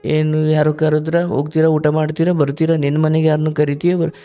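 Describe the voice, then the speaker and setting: A man's voice: a little high, completely flat delivery, a little fast, soft background music. A man hosting a live call-in counseling show, giving fatherly spiritual advice to a caller and sometimes acting out what people say. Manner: warm, fatherly, preaching advice with acted quotes.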